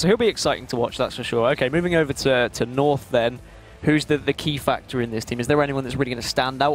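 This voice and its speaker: A man hosting an esports broadcast in a casual, jokey, chatty way. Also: medium pitch. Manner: jokey, informal.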